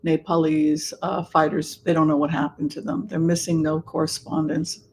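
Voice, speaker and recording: A livestream host with a mid-pitched voice talks casually to an online audience. The delivery is camp and theatrical, with drawn-out words and halting phrases. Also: level tone, darkish tone, slight background noise. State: allergies, occasional throat clearing. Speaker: livestream host and tarot reader. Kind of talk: casual livestream chat, greeting viewers.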